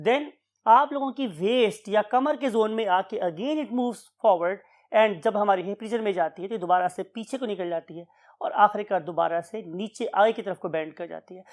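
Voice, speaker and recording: A biology teacher with a mid-range voice lectures her class, asking her students questions and then answering them herself. She checks in with "right?" and mixes English terms into her explanation.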